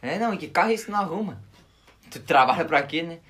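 Young gaúcho dude rambling fast through a story, pitch jumping all over, slangy. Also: male voice. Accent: southern Brazilian, Rio Grande do Sul. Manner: animated, slangy storyteller acting out quotes. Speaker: podcast co-host. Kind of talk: casual chat, storytelling.

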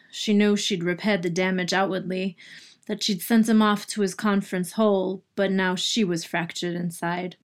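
A woman narrating an audiobook in a measured, introspective way. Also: mid-range voice. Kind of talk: scripted narration.

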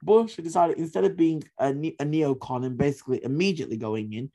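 A man's voice: a little high, brisk, gravelly, warm tone. A man hosting a history podcast, talking in an emphatic, opinionated way, repeating points for stress and swearing casually. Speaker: podcast host.

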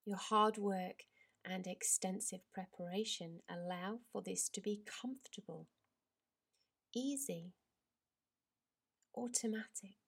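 A woman yoga teacher leading a guided relaxation in a slow, soft, soothing voice that drifts into whispers. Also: mid-range voice, creaky, slightly rough.

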